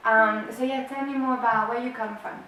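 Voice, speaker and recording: A woman hosting a podcast interview, asking questions in a halting way with fillers. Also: on the high side, fairly even intonation, fairly bright tone. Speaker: podcast host. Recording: echoey room, distant mic, faint hiss.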